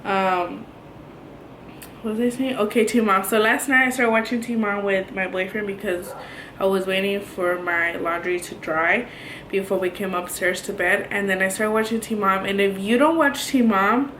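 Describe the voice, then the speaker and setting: A woman's voice: medium pitch, fairly even intonation, moderate pace, fairly bright tone. A young woman in her twenties chatting casually to camera as a beauty vlogger, rambling with many ums and likes. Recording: echoey room, faint noise.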